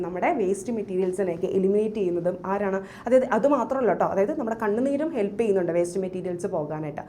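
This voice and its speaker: A woman teacher giving an online biology class with a Malayalam accent, asking quick questions and answering them herself, repeating key terms and mixing in English words. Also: medium pitch, a little mellow, a little hiss or hum. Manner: quick, call-and-response questioning. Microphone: drawing on a screen while talking.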